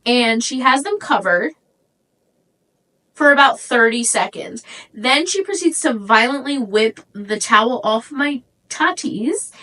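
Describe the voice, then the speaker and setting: A woman's voice: fairly high pitch, fairly bright tone, low-quality recording. A young woman hosting her own podcast, telling a crude personal story in a candid, casual way. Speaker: podcast host.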